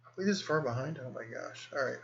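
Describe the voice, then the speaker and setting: A man's voice: medium pitch, expressive, quick pace, gravelly, dull audio. A man hosting a casual live stream, reading and answering viewer comments in a rambling, easygoing way. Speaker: host.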